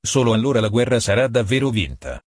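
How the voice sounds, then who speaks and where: A man voicing a calm, stern male archangel guide who speaks in a firm, unhurried, commanding way. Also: medium pitch, no room sound, clean studio sound. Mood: solemn.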